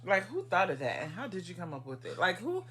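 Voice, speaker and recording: A co-host in a casual chat recapping a cartoon, chatty and emphatic with quick asides. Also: mid-range voice, huge pitch swings, fairly bright tone, slightly rough.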